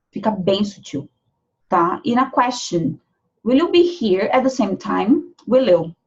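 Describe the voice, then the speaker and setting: Woman, Brazilian Portuguese accent, English teacher, husky, slightly dull lo-fi sound. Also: mid-range voice, a little mellow. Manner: explains step by step, repeating example phrases slowly. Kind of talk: pronunciation lesson.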